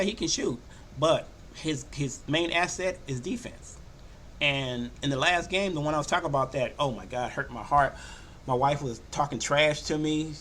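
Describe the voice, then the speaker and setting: An older man hosting a sports podcast, talking casually and loosely, often slipping into animated quoted voices. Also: on the high side, a little hiss or hum. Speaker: podcast host. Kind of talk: casual sports talk monologue.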